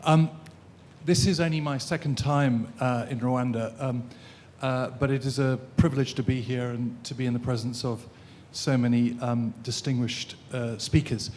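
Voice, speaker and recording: A man's voice: medium pitch, fairly even intonation, normal speed, darkish tone, slight background noise. A man making a formal, filler-laden comment from the floor of a conference. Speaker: audience member commenting. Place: conference hall.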